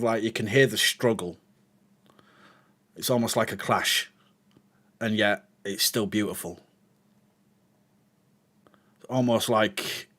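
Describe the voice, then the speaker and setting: Emotional, low-voiced man reacting. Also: a bit bright. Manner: emotional, sighing and swearing, searching for words. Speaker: reaction video host. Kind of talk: casual reaction commentary.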